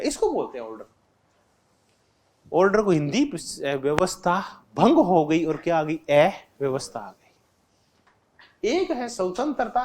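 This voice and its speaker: A political science teacher with a high, slightly mellow voice gives an exam-prep lecture. He keeps asking the class questions and answering them himself, repeating key terms alongside simple examples.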